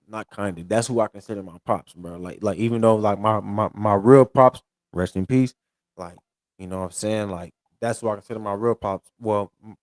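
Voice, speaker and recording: A man's voice: fairly low pitch, no echo. A man in casual podcast chat, rambling and repeating himself as he restarts his thoughts.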